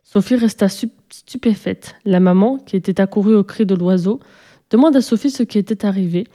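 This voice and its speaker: Casting: a woman reading a children's storybook, warm and mellow, at a steady, even pace. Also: mid-range voice, fairly quick. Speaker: narrator.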